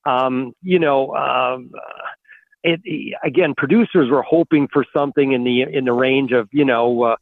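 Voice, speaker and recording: A man analysing farm markets as a guest on a call-in radio interview, heard over a buzzy, glitchy phone connection that breaks up, talking in halting bursts with repeated words. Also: medium pitch, no echo. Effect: buzzy, glitchy phone call audio that breaks up. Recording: dry, tinny phone line.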